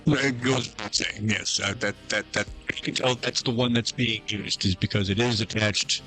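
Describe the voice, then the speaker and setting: A man's voice: lowish voice, fairly even intonation, normal speed, pushed and bright, soft background music. A man narrating as game master in a wordy, mock-formal way.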